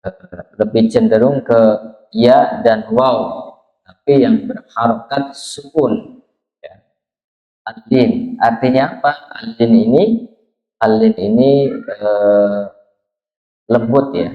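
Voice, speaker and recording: A man's voice: mid-range voice, slow, long pauses. A man teaching the pronunciation of Quranic letters in a small prayer room, patiently demonstrating sounds and drawing out recited words. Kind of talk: slow Quran pronunciation lesson. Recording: roomy, dull lo-fi sound.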